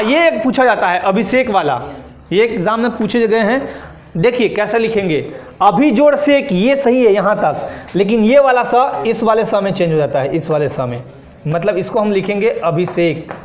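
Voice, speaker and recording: A man teaching a classroom lesson, drilling students with repeated questions and answering them himself. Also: sits high. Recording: echoey room, dull sound.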